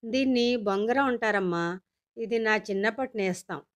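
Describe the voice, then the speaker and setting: A woman's voice: moderate pace, lightly acted. A woman doing a nostalgic middle-aged father. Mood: fond. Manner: fond, then wild and shrill when crossed.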